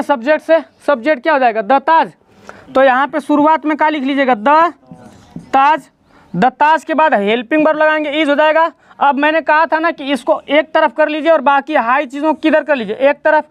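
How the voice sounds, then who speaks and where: A man's voice: very high voice, no echo. A man teaching a grammar lesson in a classroom, explaining step by step and quizzing his students as he goes. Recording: dull lo-fi sound.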